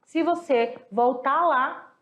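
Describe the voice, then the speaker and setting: High-voiced chatty teacher woman. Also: takes it slowly, a bit bright. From Brazil. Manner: affectionate, chatty, addresses students as "galera"; explains step by step, repeats examples in pairs. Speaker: Spanish teacher. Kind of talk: recorded online review lesson.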